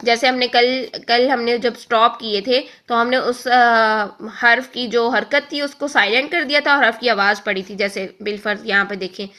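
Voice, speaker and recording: A woman's voice: a little high, steady tone. A woman teaching a recorded lesson on reading the Quran, explaining patiently and often checking in with the listener. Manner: draws out example syllables slowly and loudly.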